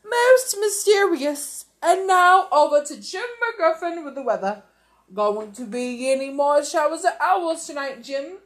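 A formal TV newsreader, as a woman reads him aloud, reports in slow, measured phrases. The voice stays high and even. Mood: newsy.

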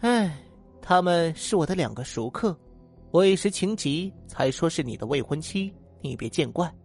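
A man's voice: on the high side, animated, normal speed, a little mellow, soft background music. A man voicing a sly, scheming young woman in a told ghost story, with a mocking, coaxing way of talking. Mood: coy, scheming.

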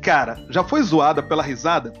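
A man in his forties hosts a comedy podcast, cracking jokes about guests' stories. His voice sits high and swings widely. The audio is dull, with faint music underneath. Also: moderate pace. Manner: jokey, animated, acts out silly voices. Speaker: podcast host. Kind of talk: casual comedic podcast commentary.

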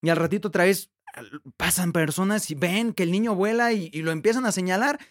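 A man hosts a faith podcast, talking in a conversational way and retelling a story with quick asides and restarts. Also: high-pitched. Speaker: podcast host. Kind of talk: reflective faith podcast talk.

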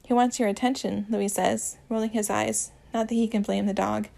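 Woman reading a romance story, gravelly edge. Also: medium pitch, steady tone, moderate pace, mellow. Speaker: audiobook narrator.

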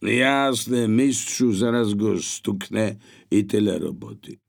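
A man voicing a rough, bullying male burglar who talks in a brash, mocking and threatening way. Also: lowish voice, slow, pitched above the performer's own voice, heavily acted.

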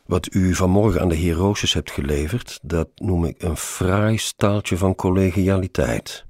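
A man's voice: sits low, a little slow, a little mellow, no echo, studio quality, pitched above the performer's own voice. A man voicing a stern, condescending older male company director who speaks in a formal, patronizing manner.

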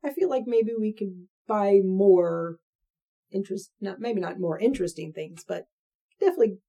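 A woman co-hosting a podcast in casual chat, with wry jokes and quick reactions. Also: mid-range voice, expressive, gravelly, warm tone, slightly rough. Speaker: podcast co-host.

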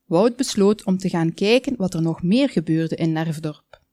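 A woman calmly reading a children's story aloud, with small slips now and then. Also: on the low side, normal speed, no room sound. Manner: calm, with small slips and asides.

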